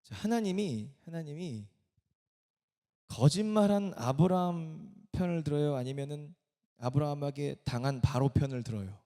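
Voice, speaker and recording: A male pastor with a fairly high voice delivers a live sermon. His preaching is emphatic and full of rhetorical questions aimed at the congregation. The sound rings with the long reverb of a large hall. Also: moderate pace, dark tone. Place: church worship service.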